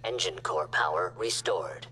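A man voicing an emotionless facility computer in a video game, making measured, formal, impersonal announcements. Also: deep voice, animated, noisy background. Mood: impassive.

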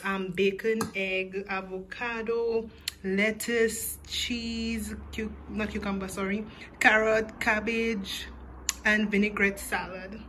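A woman's voice: mid-range voice, fairly bright tone. A young woman, a medical student, chatting casually to her phone camera in an upbeat way, often saying "literally" and "like". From Saint Lucia. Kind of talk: casual vlog chat. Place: stadium, kitchen, hospital hallway and lab. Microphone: phone camera at arm's length. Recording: phone vlog with clear background noise.

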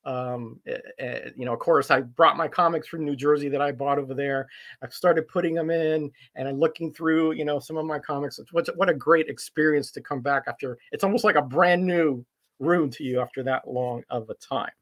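Guy doing a laid-back live stream from his collectibles room, slightly high voice, lots of uh and um. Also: moderate pace, fairly bright tone. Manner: friendly, rambling, frequent uh and um fillers. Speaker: comic collector streamer host. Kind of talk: casual live-stream chat.

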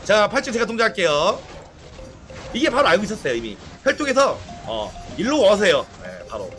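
A man streaming a game live, excitable and trash-talking, swearing and bursting into shouts during fights. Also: sits high, moderate pace, soft background music. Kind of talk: live game-play commentary.

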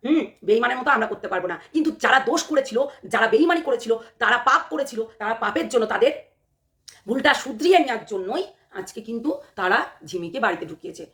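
A woman vlogger, talking to her viewers while hoarse from a cold. She speaks in a heated, emphatic way, repeats her phrases and keeps firing rhetorical questions. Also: a little high, lively intonation, fast talker, a bit bright. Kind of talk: casual direct-to-camera commentary.

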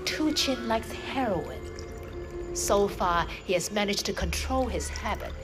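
An actress plays a middle-aged woman who runs a crime family in a video game, cold and scheming. She speaks slowly and deliberately, with theatrical villain menace. Music plays clearly behind her. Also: mid-range voice, animated, natural voice. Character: cold, scheming older woman crime boss in a red suit. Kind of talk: video game cutscene acting. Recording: music under dialogue.

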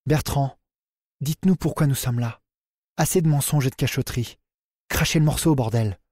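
A man voicing a fierce young woman who shouts orders at a frightened group. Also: very deep voice, normal speed, no echo, studio quality. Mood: commanding. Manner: shouting commands, then firm.

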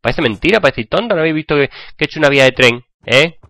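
A man with a Spain Spanish accent, hoarse from a cold, chatting and joking with viewers while playing a game. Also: on the high side, expressive, very fast, sharp tone, dry recording. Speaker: gaming channel host. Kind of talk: gameplay commentary.

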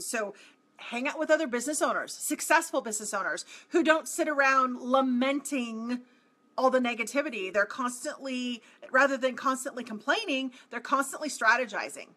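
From a small indoor home office, a woman in her forties who works as a marketing coach speaks directly to camera with a high, bright voice. Her motivational talk is emphatic and repetitive, punctuated by animated hand gestures.

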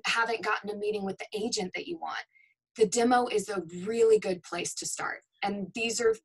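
A woman's voice: medium pitch, steady tone, breathy edge. A woman in her thirties, a voiceover demo producer, co-hosting a webinar from a home room over a webcam, upbeat and reassuring. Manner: upbeat, reassuring, quick agreements. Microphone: webcam on video call.

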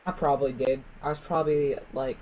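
A man chatting casually with friends during an online game, relaxed and self-mocking with frequent giggles. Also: medium pitch, brisk, a crowd in the background, rough recording. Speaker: gamer on a stream. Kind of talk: casual gaming chat with friends.

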